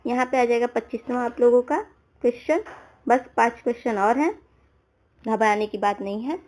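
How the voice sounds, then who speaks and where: High-voiced woman teaching exam questions. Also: normal speed, darkish tone. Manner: repeats "theek hai" to check understanding; talks through options aloud with everyday examples.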